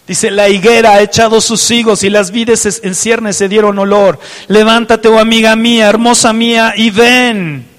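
Fervent high-voiced pastor preaching. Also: male voice, in a large hall. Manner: fervent, reads scripture aloud, asks listeners direct questions. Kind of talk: sermon.

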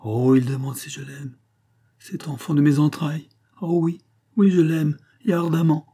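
A man's voice: on the high side, steady tone, moderate pace, warm tone, breathy edge, voice pushed up. A man voicing an anguished noblewoman, a grieving mother who pleads in emotional outbursts in a storybook reading. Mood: tender.

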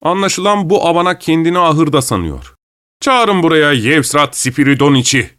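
A man playing an agitated gentleman, shouting orders, a bit higher, dry storybook reading. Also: lively intonation, measured pace, no room sound. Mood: angry. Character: angry, agitated man in spectacles.

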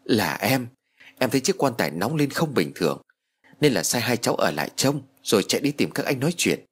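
A man's voice: mid-range voice, very animated, a little fast, breathy edge. A man voicing a grieving middle-aged woman who wails and pleads. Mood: anxious. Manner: wailing, pleading.

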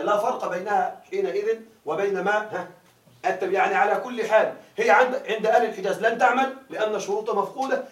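A man teaching grammar in a classroom lecture, often stopping to ask his students whether they follow. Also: high-pitched. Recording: echoey room, voice from far off.

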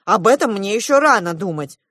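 A woman's voice: mid-range voice, expressive, a bit bright, no room sound, clean studio sound. A woman reading an audiobook, voicing an earnest eleven-year-old girl who asks questions insistently. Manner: insistent, presses questions slowly.

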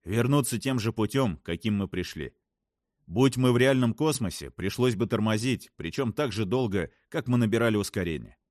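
A man reading an audiobook, voicing a serious, reasoning male ship officer in a measured, stern tone. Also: on the low side, lively intonation, a little mellow, no room sound, studio quality, close to an everyday voice.

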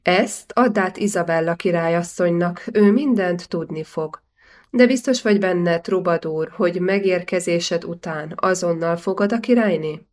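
A woman's voice: on the low side, a little mellow, lightly acted. A woman reading the lines of a brash, boisterous giant young nobleman in an audiobook, in a commanding, blustering manner.

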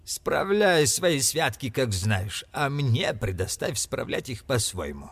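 A man's voice: sing-song, takes it slowly, breathy edge, exaggerated voice. A man reading an audiobook, voicing a miserly, grumpy old man who scolds and mocks. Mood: curt. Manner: scolding, mocking, raised pitch.

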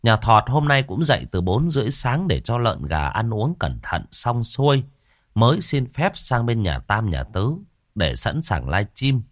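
A man's voice: medium pitch, sing-song, a little slow, no room sound, clean studio sound. A man narrating a ghost story expressively.

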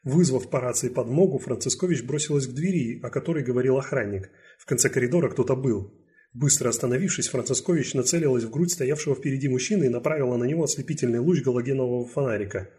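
A man reads a crime audiobook in a mellow, dark voice at a middle pitch. His narration is steady and even, carrying the action along without fuss. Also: quick pace. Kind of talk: scripted narration.

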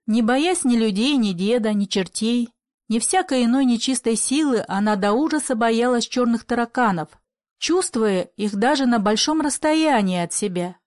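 A woman reading a classic story aloud in a measured, expressive storytelling voice. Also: a little high, no room sound, clean studio sound. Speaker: audiobook reader. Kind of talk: literary audiobook narration.

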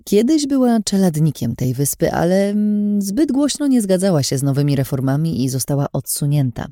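A woman voicing a caring young woman who speaks higher and briskly, kind and practical. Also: sing-song, mellow, dry recording, clean studio sound.

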